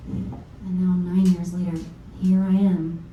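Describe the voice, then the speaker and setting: A woman's voice: lowish voice, level tone, a little slow, muffled recording, over loud music, natural voice. An actress playing a frank, wry singer-songwriter of about thirty back in her hometown, in a confessional stage monologue at a live reading. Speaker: lead actor in a one-woman musical. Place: small performance venue. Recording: roomy venue from far off, faint instrument.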